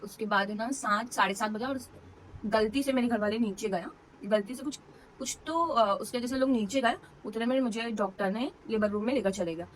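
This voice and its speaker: A woman's voice: on the high side, moderate pace, a little hiss or hum, poor audio. A young woman vlogger, casually telling a personal story to camera, emotional and full of fillers. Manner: chatty, emotional retelling with many fillers.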